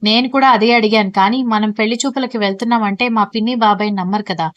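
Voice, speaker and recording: A woman narrator voicing a polite, gently teasing young wife and daughter-in-law in an audio story. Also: medium pitch, fairly even intonation, quick pace, no room sound, muffled recording, close to an everyday voice. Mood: gentle.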